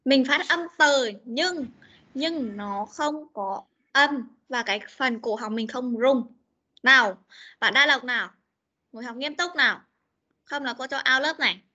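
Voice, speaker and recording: A young woman teacher runs an online pronunciation drill. Her voice is bright and fairly high, and she corrects and repeats words slowly and patiently. It sounds like a video call mic. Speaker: English teacher.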